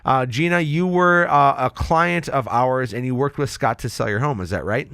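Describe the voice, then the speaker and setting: A man's voice: mid-range voice, moderate pace, creaky, a bit bright, smooth, dry recording. A man hosting a radio talk show, upbeat and salesy, with a slightly nasal voice, speaking from a studio. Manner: upbeat, salesy, stumbles over words. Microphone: studio mic.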